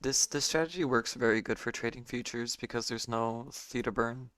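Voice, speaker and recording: A man with a hoarse, failing voice giving halting live trading commentary as host of a stream. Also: medium pitch, a bit bright, no echo. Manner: halting, with fillers and throat clearing. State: hoarse, losing his voice. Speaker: day trading livestream host.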